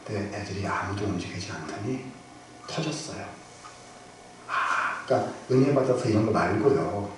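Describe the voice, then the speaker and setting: A male pastor preaching a storytelling sermon, moving between loud bursts and hushed near-whispers. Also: on the low side, lively intonation, normal speed. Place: church sanctuary. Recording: very echoey hall, from far off, noisy.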